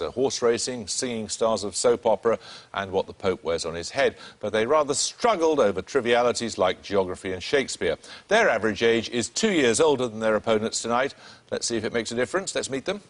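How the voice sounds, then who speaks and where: A man hosting a television quiz show, reading questions in a crisp, dry and wry, briskly authoritative way. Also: medium pitch, lively intonation. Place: television studio.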